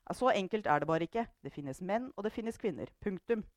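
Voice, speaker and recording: A woman voicing a sharp-tongued, sarcastic elderly grandmother who loves provoking her family. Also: medium pitch, animated, no echo, clean studio sound, voice pushed up, close to an everyday voice. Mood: declaiming. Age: older. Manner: sarcastic, declaiming.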